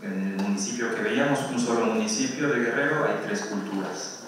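Male panelist, slightly low voice, answering off the cuff, picked up from afar with strong echo. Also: fairly quick. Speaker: panel speaker answering questions. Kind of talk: spontaneous answer at a lecture. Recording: distant, very echoey room, faint noise.

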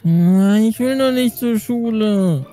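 A woman's voice: on the high side, takes it slowly, mellow, faint music behind. A woman playing a drowsy grumpy boy. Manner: drowsy, mumbling, easily startled. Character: sleepy grumpy young male friend in bed. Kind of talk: Minecraft role-play acting.

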